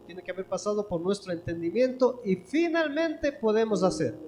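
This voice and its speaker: Ecuadorian guy preaching in a church, high voice, lots of why-cant-i questions, long echo in the hall, bit of hum behind. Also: darkish tone. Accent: Ecuadorian Spanish. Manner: asks many rhetorical questions. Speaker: pastor. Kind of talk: sermon. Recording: echoey church hall with faint background noise.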